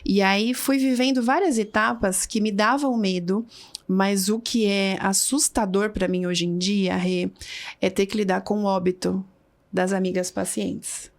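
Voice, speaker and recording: A woman's voice: medium pitch, fairly even intonation, unhurried. A woman in her thirties, a podcast guest, telling a personal story and acting out the dialogue as she goes. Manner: vivid storyteller who acts out quoted dialogue.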